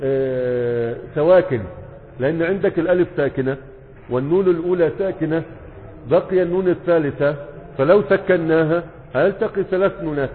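A man with an Egyptian Arabic accent gives a lesson on grammar, and his voice sits slightly high with some husk in it. He quizzes the listeners and then answers his own questions, lingering over each example word. The recording is tinny and narrow, and long reverb rings behind him as if in a large hall. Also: breathy edge. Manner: asks questions and answers them himself, drawls example words slowly. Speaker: sheikh teaching Arabic morphology. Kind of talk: classroom lesson. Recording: phone-like sound with long reverb.

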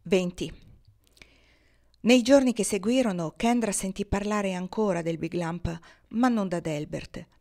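A woman reading a novel aloud as an audiobook, in a measured, even manner. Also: mid-range voice. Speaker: audiobook reader. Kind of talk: audiobook narration.

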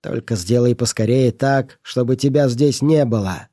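A cold, stingy old pawnbroker, read by a man, snapping short, harsh replies. The voice is dark and low-toned and sits in a dry, close recording. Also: normal speed, no echo, lightly acted. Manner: curt and harsh.

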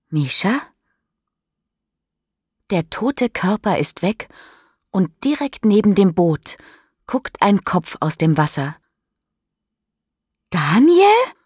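Woman narrator for a learners' audiobook, clear and very unhurried, dry close studio sound. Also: lowish voice, darkish tone, dry recording. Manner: slow, clear and measured. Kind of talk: scripted narration of a graded reader.

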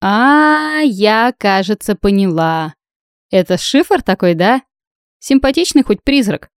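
A woman reading an audiobook, voicing a brash, teasing young female friend who talks loud and breezy. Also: mid-range voice, animated, slow, smooth, dry recording, clean studio sound, voice pushed up.

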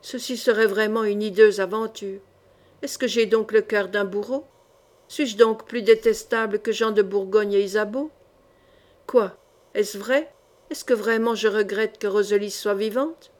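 A woman voicing a proud, hungry young male knight who speaks gruffly but kindly, read in an audiobook. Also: mid-range voice, fairly even intonation, a little slow, close to an everyday voice. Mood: anguished. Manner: gruff, then gentle.

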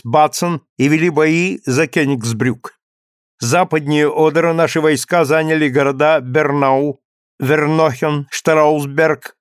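A man playing a solemn Soviet wartime state announcer, reading a radio war bulletin with measured, emphatic declamation. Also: fairly high pitch, no echo, studio quality, close to an everyday voice. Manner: solemn, measured, emphatic enunciation of each name.

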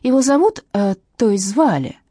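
A woman's voice: on the high side, sing-song, normal speed, dark tone, slightly rough, dry recording, studio quality, pitched above the performer's own voice. A woman voicing an eager, chatty young woman backing up her friend.

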